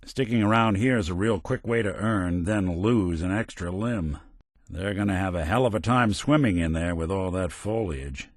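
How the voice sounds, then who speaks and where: In a dry, studio-quality recording, a low male voice at a moderate pace plays a wisecracking, world-weary synth detective of middle age. The scripted game companion lines are noir in style, delivered with wry, sardonic, old-fashioned tough-guy flair.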